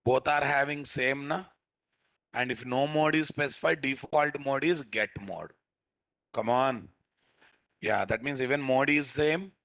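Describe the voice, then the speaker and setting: Speaking in an unhurried, slightly bright mid-range voice, this Telugu-accented man instructs a live programming class. He tends to repeat himself and frequently quizzes his audience to make sure they're following.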